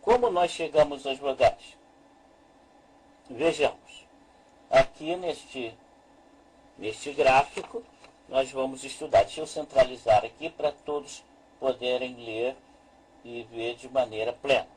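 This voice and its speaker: A man teaching a slow, deliberate lesson as a Hebrew teacher, repeating each point and walking through a chart on screen. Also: medium pitch, darkish tone, slight background noise, poor audio.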